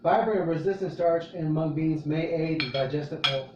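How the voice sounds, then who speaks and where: Guy casually reading off facts, bit high pitched, roomy echo. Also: normal speed. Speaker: companion reading out facts to the host. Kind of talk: casual chat, listing facts. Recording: muffled, echoey room with clear noise.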